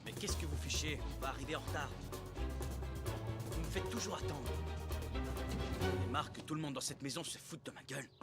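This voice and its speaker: A man's voice: a little high, brisk, long pauses, loud music behind the voice, lightly acted. A man playing a grumbling, impatient father. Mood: exasperated. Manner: grumbling, exasperated. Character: grumpy, impatient family father. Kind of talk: dubbed film acting.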